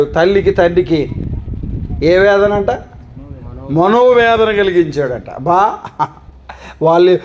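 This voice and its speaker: A man preaches a Telugu sermon into a microphone in a high-pitched, slightly mellow voice, posing rhetorical questions and repeating lists while the congregation answers back. The sound is lo-fi, with a little hiss or hum.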